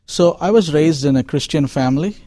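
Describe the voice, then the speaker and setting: A man from Chennai with an Indian accent, calmly explaining as an interview guest, with many fillers. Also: on the high side, a little fast, dry recording, clean studio sound. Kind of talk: interview answers.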